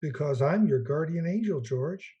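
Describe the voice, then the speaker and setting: A man playing a husky, gentle apprentice angel. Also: a little high, animated, moderate pace, dull audio. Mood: kindly, eager. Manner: earnest, quaint and polite. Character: gentle, eager, naive male apprentice guardian angel. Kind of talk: 1940s-style radio play acting.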